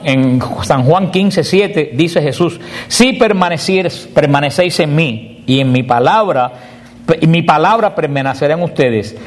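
A man preaching to a group about prayer, often asking them a question and then answering it himself. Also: on the high side. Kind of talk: teaching talk on prayer.

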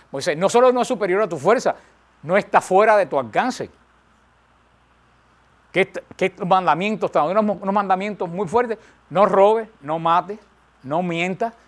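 A man preaching a sermon, emphatic, rising and falling, repeating phrases for stress. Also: high voice.

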